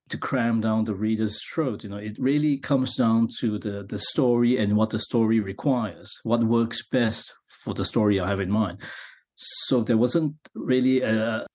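Husky middle-aged man, halting. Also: on the low side, a little mellow. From Malaysia. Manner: halting, many restarts and fillers. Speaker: novelist being interviewed. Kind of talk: thoughtful interview answers.

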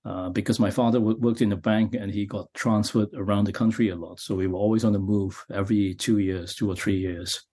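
A middle-aged man from Malaysia, a novelist answering interview questions in a halting way, with many restarts and fillers. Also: lowish voice, fairly even intonation, dark tone, husky.

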